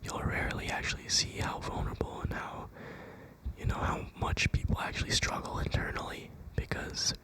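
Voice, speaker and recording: A young adult whispering a gentle, reassuring pep talk of ASMR affirmations in an unhurried way. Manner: whispering throughout. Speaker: ASMR creator.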